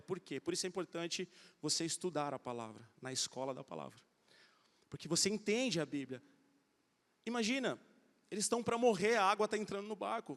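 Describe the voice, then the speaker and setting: A middle-aged man preaching a sermon, telling stories in an animated way and acting out the voices of the people in them. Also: high-pitched. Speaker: pastor. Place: large church hall. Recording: church hall reverb.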